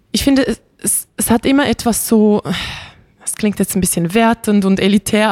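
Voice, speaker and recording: A young Swiss woman, a classical singer who grew up bilingual in Bosnian, chats animatedly in a casual interview, full of fillers and light laughter. Her voice is mid-range and slightly mellow, with no room sound.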